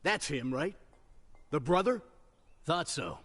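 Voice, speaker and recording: A man's voice: fairly high pitch, expressive, takes it slowly, fairly bright tone, slightly rough, heavily acted. An actor playing a menacing male guard in a video game, talking in a threatening, curt manner.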